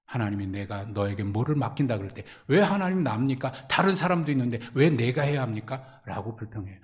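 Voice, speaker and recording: A man preaching a sermon as a pastor, addressing the congregation and acting out quoted voices, swinging from loud pleading questions to hushed near-whispers. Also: medium pitch.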